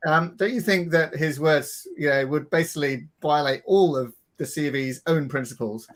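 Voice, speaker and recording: A panelist in a discussion, asking pointed questions and arguing in quick bursts. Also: mid-range voice.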